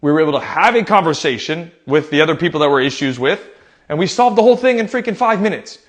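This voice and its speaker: A man's voice: a little high, quick pace. An American man, a youth soccer coach, giving casual advice and telling stories with lots of fillers and "right?" tags. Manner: animated storyteller who acts out his own loud quoted lines.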